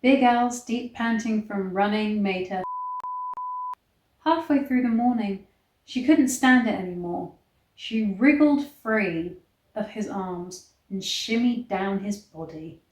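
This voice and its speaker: Taking it slowly, this online reader and commentator delivers a novel with exaggerated drama, breaking off for frank, incredulous asides. Her voice is medium-pitched and a little mellow, and the recording has a roomy echo.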